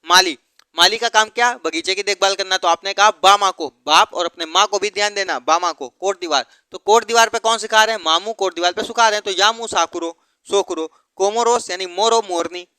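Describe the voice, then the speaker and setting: A man's voice: sits high, fairly quick, bright, forceful tone, smooth, no echo. A man teaching geography through memory tricks, asking questions and then answering them himself. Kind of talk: mnemonic geography lesson.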